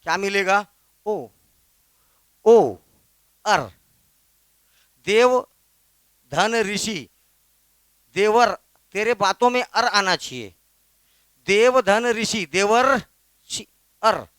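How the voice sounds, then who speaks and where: Speaking slowly with frequent pauses, a Chhattisgarhi-accented Hindi teacher runs a grammar class, questioning students and echoing their answers over and over. His voice sits high, with lively intonation and a sharp, clean tone, captured without echo.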